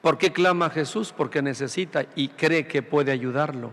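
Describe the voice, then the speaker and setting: A man's voice: on the high side, moderate pace, fairly bright tone, long reverb tail. A man who is a priest, preaching a Sunday sermon through rhetorical questions and repeated phrases. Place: large church sanctuary.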